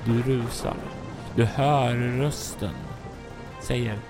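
A man's voice: mid-range voice, steady tone. Man narrating a tabletop horror game. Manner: slow, atmospheric second-person narration. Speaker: game master. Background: background music.

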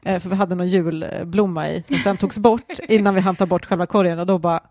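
A woman's voice: on the low side, fairly even intonation, mellow. A young woman chatting casually on a podcast, blunt and swearing, dropping English phrases into her talk. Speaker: podcast co-host or guest.

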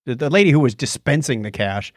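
A podcast co-host casually retells a documentary he watched, chatting conversationally and tossing in asides. His medium-pitched voice is animated and fast, recorded cleanly in a studio with no echo.

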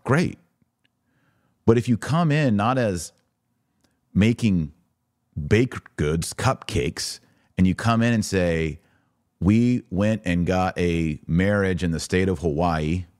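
A man with a low, darkish voice hosts a podcast of religious commentary, reading passages aloud and reacting in an emphatic, informal, argumentative manner. The recording is studio quality with no room sound.

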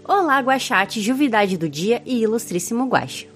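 A woman's voice: on the high side, lively intonation, normal speed, faint music behind. A woman with a Brazilian Portuguese accent co-hosting a podcast, playfully reading out listener comments. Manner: playful, laughs often. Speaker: podcast co-host.

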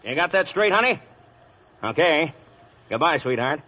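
A gruff, scheming police chief barking orders in a 1930s radio play. His voice is high and bright but husky. It comes through a dull old broadcast with a long hall echo. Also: very animated, normal speed, full character voice. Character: crooked middle-aged male police chief, gruff and scheming. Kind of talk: 1930s radio drama acting.

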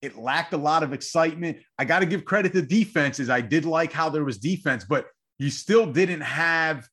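A man's voice: fairly high pitch, moderate pace, a bit bright. A man co-hosting a sports podcast, debating in a fired-up, rambling way and repeating himself as he talks. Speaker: podcast co-host.

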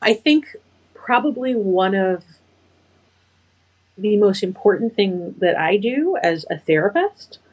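Woman therapist, husky tone, measured and thoughtful. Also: medium pitch, expressive, darkish tone, poor audio. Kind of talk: conversational interview.

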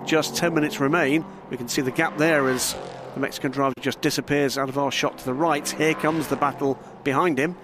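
A man's voice: medium pitch, steady tone, a little fast. A man giving live race analysis as a motorsport commentator. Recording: clear trackside engine and vehicle noise. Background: car engines and outdoor track ambience.

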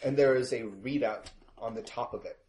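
A man narrating as game master of a tabletop game, casual and halting, often breaking into laughter. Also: mid-range voice, a little mellow, slight background noise, rough recording.

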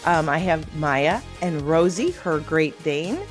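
A woman's voice: low-pitched, slow, soft background music. A woman hosting a podcast, chatting eagerly and casually with a guest, with many fillers. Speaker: podcast host. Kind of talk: casual interview chat.

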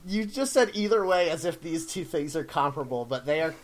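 A man's voice: a little high, expressive, brisk. A man bantering casually with friends as a co-host, emphatic and given to mock indignation.

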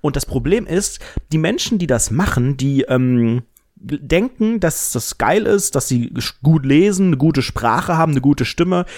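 Ironic male podcast co-host, lively pitch. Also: measured pace, no echo, studio quality. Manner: ironic, addresses listeners mock-formally. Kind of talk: casual podcast chat.

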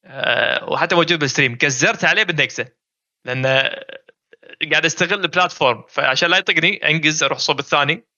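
Casual guest: Gulf Arabic man, quick and bright, dull lo-fi audio. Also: fairly high pitch, no echo. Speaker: guest gamer. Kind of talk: casual chat.

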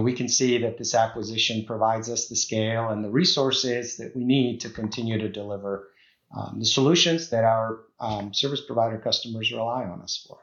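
A middle-aged Czech man, an executive appearing as a guest on a podcast interview, speaks hesitantly with lots of fillers and restarts. His medium-pitched voice is slightly bright, and the recording is reverberant with the highs cut off.

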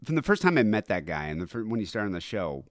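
A podcast host with a nasal voice rambles through loose, profane chat. His pitch rises and falls animatedly. The recording is close and dry. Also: very animated, fast, dry recording.

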